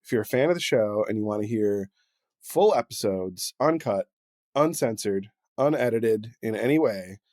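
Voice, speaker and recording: A man's voice: on the low side, expressive, moderate pace, darkish tone, no echo, clean studio sound. Joking male podcast co-host. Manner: loose, joking, with many fillers and restarts. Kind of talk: casual podcast chat.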